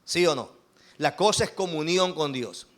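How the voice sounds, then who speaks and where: A man preaching an evangelical sermon to his congregation in Ecuadorian Spanish, swinging between loud calls and quiet asides. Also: a little high, animated, moderate pace. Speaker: apostle preaching to his church.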